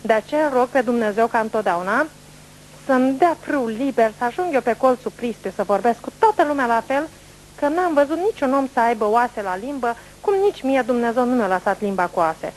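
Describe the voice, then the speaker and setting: A woman's voice: fairly high pitch, slight background noise, rough recording. Chatty middle-aged woman. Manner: animated, rambling, folksy regional speech. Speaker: clairvoyant speaking to a group. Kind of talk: long storytelling monologue. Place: indoor meeting room, standing before a seated group.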